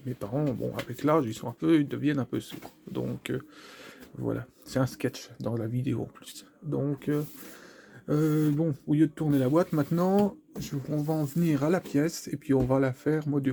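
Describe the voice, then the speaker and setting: A man's voice: medium pitch, fairly even intonation, normal speed, gravelly, warm tone. A man presenting a collectible figure at home in a rambling, self-mocking way, repeating his words. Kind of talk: casual unboxing chat. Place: home room, family heard in the background.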